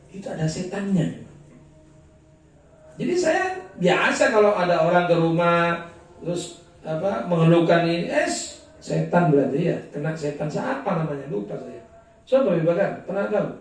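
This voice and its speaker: An East Javanese religious teacher with a lively, swooping voice and a fairly high pitch. He talks chattily, drops in regional phrases and acts out domestic squabbles. The recording is heavily echoey and distant, with faint room noise behind. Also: normal speed. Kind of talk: informal religious lesson with humor. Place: gathering hall.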